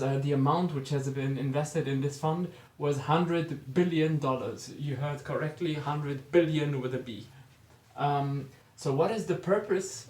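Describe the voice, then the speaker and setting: A man's voice: fairly high pitch, darkish tone, echoey room. A man hosting a finance channel, explaining an investment topic for beginners in a casual, chatty way and addressing viewers directly. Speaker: finance video host.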